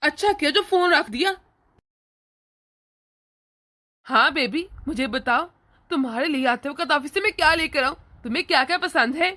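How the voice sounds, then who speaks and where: A scornful young husband in a cartoon, voiced by a woman. He scolds and sneers, and the voice sits very high. Its tone is bright and cutting. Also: animated, a little fast. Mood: sweet-talking. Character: young husband, rude and scornful to his mother. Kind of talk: cartoon voice acting.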